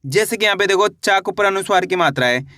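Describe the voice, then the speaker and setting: A man teaching reading in a video lesson, drilling each sound with repeated questions and slow model words. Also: high-pitched, animated, pushed and bright, no room sound, clean studio sound. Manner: repetitive call-and-response drilling, drawn-out model words. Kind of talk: classroom-style video lesson.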